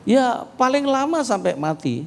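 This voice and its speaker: Gravelly pastor preaching. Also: male voice, very high-pitched, sing-song, a little slow. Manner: humorous storytelling, swings from quiet to loud emphatic preaching. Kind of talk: sermon. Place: church hall. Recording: reverberant hall with faint ambience.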